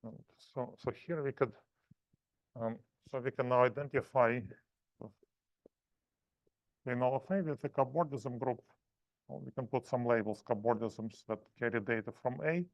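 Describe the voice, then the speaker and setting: A man giving a math seminar lecture, explaining in halting, self-correcting phrases. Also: mid-range voice, no room sound, lo-fi sound.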